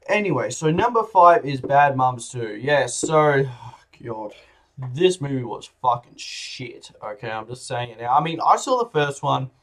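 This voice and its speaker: A man's voice: mid-range voice, animated, measured pace. A man giving a casual video review of films, talking bluntly, swearing freely and rambling between points. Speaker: film reviewer.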